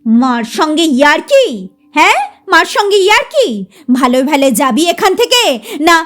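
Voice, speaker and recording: A woman's voice: very high-pitched, sing-song, a little slow, a bit bright, pitched above the performer's own voice, exaggerated voice. A woman voicing a busy, short-tempered mother who scolds and snaps while cooking. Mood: exasperated. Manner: scolding, exasperated.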